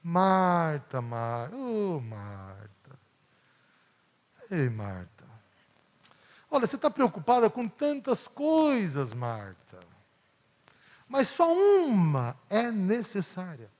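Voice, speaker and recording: A man voicing Jesus as a patient, fatherly teacher, calling softly and slowly. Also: high voice, wildly swooping pitch, full character voice. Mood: tender. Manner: soft, slow, tender calling. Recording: long church hall reverb.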